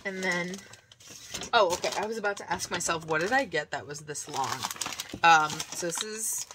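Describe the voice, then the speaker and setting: A woman with a fairly low voice talks casually to her viewers, rambling along with fillers and quick laughs. She sometimes slips into soft, breathy asides. A clear layer of background noise runs under her home recording. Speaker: vlogger showing a shopping haul. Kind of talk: casual chat to camera.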